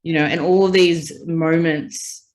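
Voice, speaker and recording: Speaking a little slowly, the Australian woman has a low, darkish voice with fairly even intonation. As a festival founder guesting on a casual interview, she reflects on her story, sprinkling in "you know" and "like" often.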